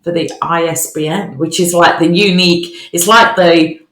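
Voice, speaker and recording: A woman's voice: fairly low pitch, fairly even intonation, moderate pace, a bit bright. An Australian woman co-hosting a podcast in casual, upbeat chat, recorded in a new bare office that sounds echoey. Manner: upbeat, chatty, cheerful. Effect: echoey bare room. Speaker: podcast co-host.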